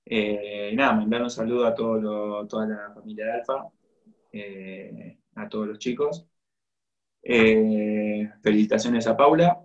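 A man with a Latin American Spanish accent chatting casually and hesitantly, with pauses. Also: on the low side, steady tone, dull audio. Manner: hesitant, pausing. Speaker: athlete guest. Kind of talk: casual conversation.

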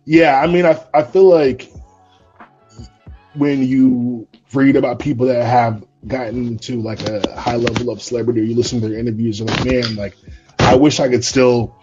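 A man's voice: medium pitch, steady tone, normal speed, mellow. A young man from North Carolina hosting a podcast interview, talking casually with many fillers and restarts. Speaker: podcast host. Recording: lo-fi live stream audio with faint music.

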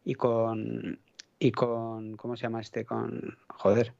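A man's voice: medium pitch, completely flat delivery, slow pace, creaky, a little mellow, no echo, muffled recording. A man from Catalonia with a faint Catalan accent, chatting as a podcast guest, rambling, hunting for words and swearing casually. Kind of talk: casual chat.

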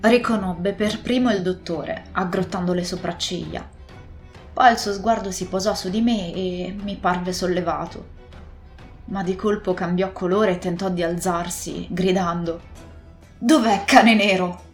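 A woman narrating a classic adventure novel as scripted narration, telling the story in a steady, expressive way. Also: fairly low pitch, measured pace, soft background music. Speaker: audiobook narrator.

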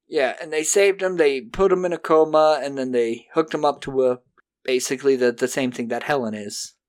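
In a casual film recap chat, a male podcast co-host retells the story at normal speed in a mid-range voice. He brings the characters' lines to life by acting them out animatedly.

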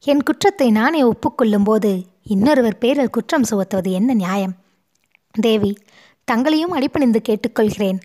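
A distraught young noblewoman from a storybook pleads through sobs, her voice pitched a little high and pushed a touch louder than plain talk, as a woman reads her part. She sounds torn by guilt and begging for mercy. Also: animated, normal speed. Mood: pleading. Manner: pleading, sobbing between words.

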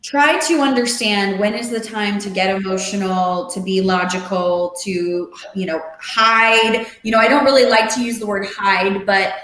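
A middle-aged woman talking casually as a podcast guest, animated, acting out the voices she quotes. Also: mid-range voice, unhurried, few pauses, echoey room, poor audio. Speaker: podcast guest, real estate investor and coach. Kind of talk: casual interview chat.

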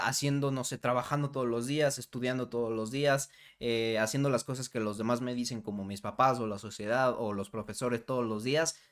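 A young adult man, hosting a motivational podcast in a conversational way, often checking in with "¿vale?" and guiding the listener through affirmations. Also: medium pitch. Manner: warm conversational, frequent "¿vale?" and "¿no?" tags. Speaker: podcast host.

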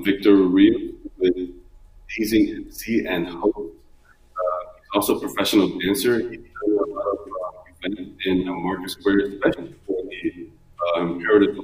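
A man calling in from his laptop to an interview, talking about his event in a halting way with lots of ums and uhs. His audio keeps breaking up with echo over the call. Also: low-pitched. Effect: breaking-up echoey video-call audio. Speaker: guest event organizer. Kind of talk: remote interview, promoting an event. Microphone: laptop on a video call. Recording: distant, echoey, dull lo-fi call line.

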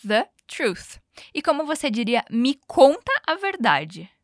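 Brief: higher-voiced woman, podcast English teacher, patient drill pacing, dry close sound. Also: very animated, no echo. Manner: patient, coaching, slows down for model phrases. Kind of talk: podcast language lesson.

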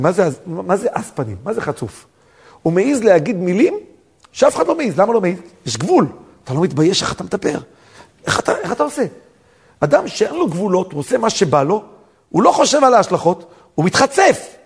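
A man, a rabbi, giving a sermon full of stories, acting out their voices and shouts. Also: high voice, breathy edge. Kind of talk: storytelling sermon.

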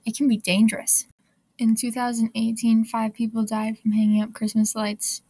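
A woman giving a scripted informative talk in a dry, deadpan way. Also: fairly high pitch, moderate pace, breathy edge, no room sound, rough recording. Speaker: presenter.

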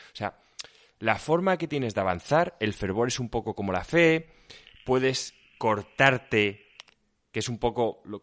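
A man's voice: fairly low pitch, a bit bright, dry recording, studio quality. A man with an Andalusian accent chatting casually about video games, emphatic and colloquial, swearing now and then. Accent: Andalusian Spanish.

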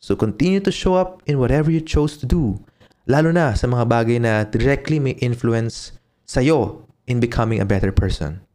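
A man's voice: medium pitch, moderate pace, a little mellow. A Filipino man with a native Tagalog background hosting a reflective solo podcast, switching between Tagalog and English as he talks. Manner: mixes Tagalog and English (Taglish). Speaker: podcast host.

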